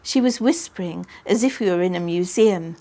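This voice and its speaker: A woman, reading her own children's book aloud with lively expression. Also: fairly low pitch, moderate pace. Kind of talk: audiobook reading.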